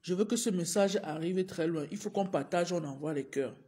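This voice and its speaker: A teacher with a cold livestreams casually to her followers, urging viewers again and again in a repetitive way while clearing her throat and coughing. Her voice is lowish and dark-toned, at a moderate pace.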